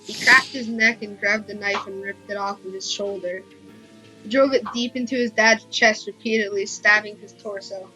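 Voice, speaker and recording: A woman's voice: medium pitch, sharp tone, rough recording. A young woman reading a horror story aloud in a casual way, often stumbling and restarting lines. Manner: reads with frequent stumbles and restarts. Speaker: creepypasta reader. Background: background music.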